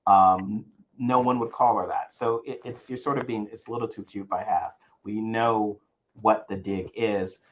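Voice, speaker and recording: A man's voice: on the low side, steady tone, normal speed, rough recording. A man from the South, co-hosting a casual podcast chat, arguing a point earnestly with frequent restarts. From American South. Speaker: co-host.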